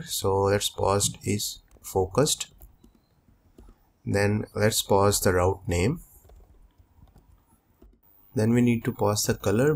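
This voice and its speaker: A man's voice: on the low side, gravelly, a little hiss or hum. A young man hosting a coding tutorial, explaining each step steadily over a screen recording.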